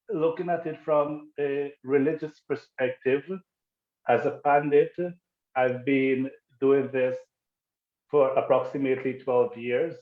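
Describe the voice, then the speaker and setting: Slow-spoken Guyanese man on a tinny call. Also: medium pitch. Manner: measured, humble, formal. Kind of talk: formal interview answers. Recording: echoey tinny phone-like call.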